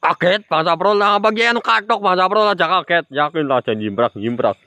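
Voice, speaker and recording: A man's voice: sits high, expressive, a little fast, bright, forceful tone, no room sound. A man with a Banyumas Javanese accent, chatting to viewers on a night-time ghost-hunting live stream outdoors. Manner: chatty, addresses viewers, teasing sing-song calls to a ghost. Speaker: live-stream mystery vlogger. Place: outdoors at night near a graveyard. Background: crickets and insects.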